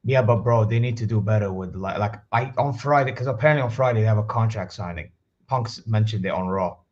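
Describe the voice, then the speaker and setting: A man's voice: on the low side, a little fast, muffled recording. A man chatting casually as a wrestling fan co-host, slangy and repetitive, often saying bro. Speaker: wrestling talk show co-host. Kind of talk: casual chat, fan debate.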